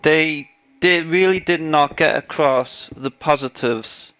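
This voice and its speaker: A man's voice: on the high side, takes it slowly, a bit bright, clean tone. A man co-hosting a casual gaming chat show, ranting sarcastically and getting worked up about his topic. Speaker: podcast co-host.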